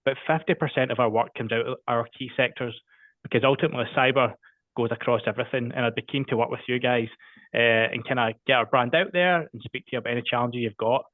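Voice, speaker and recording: A man with a Scottish accent, originally from Scotland, giving a brisk, confident business pitch over a video call. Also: no echo. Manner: brisk, confident and matter-of-fact. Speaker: business speaker pitching his firm. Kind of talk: short networking pitch. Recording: tinny phone-like line, dry.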